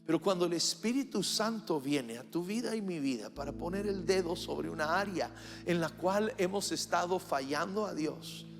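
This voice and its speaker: A man preaching a live church sermon, swinging from loud declarations to hushed, soft passages. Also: sits high. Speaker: pastor. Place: church sanctuary during a service. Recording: reverberant church hall with faint music.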